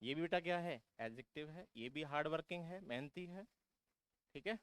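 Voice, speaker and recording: A man's voice: on the high side, brisk, fairly bright tone, smooth, no room sound. A man teaching exam vocabulary who keeps asking his students questions and then answering them himself, calling them "beta". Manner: repetitive, drilling explanation. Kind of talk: vocabulary lesson for exam prep.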